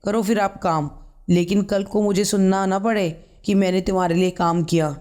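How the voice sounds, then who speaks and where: Casting: man doing a proud, dismissive young wife, high voice, storybook. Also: fairly even intonation, normal speed, a little mellow, clean tone, lightly acted. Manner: stubborn, dismissive. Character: proud pregnant young wife, later sorry.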